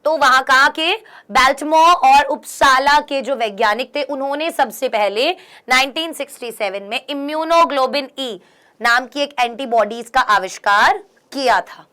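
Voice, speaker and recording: A young woman teaches an exam-prep lesson in a high, bright voice. She reads English passages out slowly, then explains each one, often stopping to ask her students questions.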